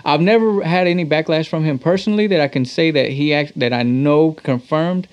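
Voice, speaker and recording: With a brisk, slightly high voice, this man from Texas, a musician known for the talk box, recounts stories during a casual interview in easygoing, slangy speech. The highs in the audio are cut off.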